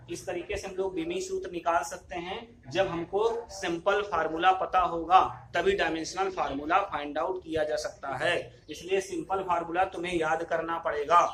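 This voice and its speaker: A man's voice: high-pitched, fairly bright tone. A man teaching a physics class, asking his students questions and answering them himself, calling them children. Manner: addresses students fondly as children. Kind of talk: classroom lecture. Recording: echoey room.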